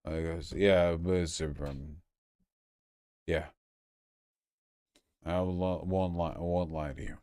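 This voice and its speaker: Drunk man, lowish pitch, rambling livestream monologue, stumbling repetitions, crude swearing, close dry sound. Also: fairly even intonation, slow pace, long pauses, darkish tone, clean tone, no room sound. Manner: very drunk, rambling, losing his thread; repeats and stumbles over words.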